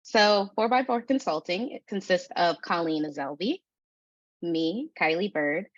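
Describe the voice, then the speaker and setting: A young woman delivers a polished, scripted business presentation. Her voice sits a little low, and the recording is dry with a dull, lo-fi tone. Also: lively intonation, measured pace, dry recording. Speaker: student presenter.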